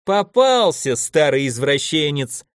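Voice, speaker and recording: A man doing a cheeky high-voiced youth. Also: sing-song, moderate pace, no room sound, clean studio sound. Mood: gloating. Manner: insolent, teasing. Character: brash cheeky young man, a mocking upstart.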